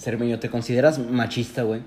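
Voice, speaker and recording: A young Mexican man leads a podcast conversation, relaxed and full of slang. His voice is mid-pitched and unremarkable in tone. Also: fast. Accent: Mexican Spanish. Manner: relaxed, peppers speech with slang. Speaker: podcast host. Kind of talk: casual chat.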